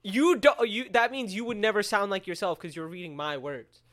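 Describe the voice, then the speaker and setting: A high, bright young male voice trading playful jabs in a relaxed podcast chat. He banters, pushes back, and laughs easily. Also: fairly quick. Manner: playful bickering, laughs often. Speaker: podcast co-host. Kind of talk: casual chat.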